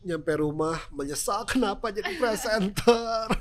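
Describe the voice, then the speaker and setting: This podcast guest is a television news presenter and a native Sundanese speaker with a Sundanese accent, casually explaining his work in an interview and acting out examples. His voice sits high and sounds animated, yet he speaks in an unhurried way.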